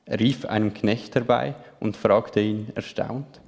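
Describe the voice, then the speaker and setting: Male reader with a gravelly voice, expressive Bible reading, reverberant hall. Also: on the low side, measured pace. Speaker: scripture reader.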